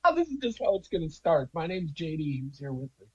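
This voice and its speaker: A man's voice: fairly high pitch, very animated, fast talker, husky. A man hosting a casual group chat podcast, joking around, his voice muffled as if heard over an old telephone. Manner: joking, playful. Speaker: podcast host. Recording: muffled tin-can phone-like audio.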